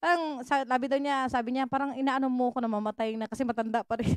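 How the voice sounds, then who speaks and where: Giggly high-voiced woman livestreaming. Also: fairly even intonation, fast, background noise. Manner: giggly, teasing, laughs often. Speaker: livestream vlogger. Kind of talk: casual livestream chat.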